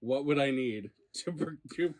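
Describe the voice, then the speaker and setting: A man's voice: medium pitch, measured pace. A man hosting a food review in casual chat, probing with playfully incredulous questions. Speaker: food review show host.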